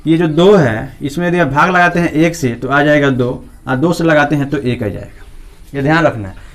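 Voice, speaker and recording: A man leads a maths lesson in a fairly high voice. He asks his class questions and then answers them himself, and he goes back over key points again and again. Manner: repeats key points often. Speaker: teacher.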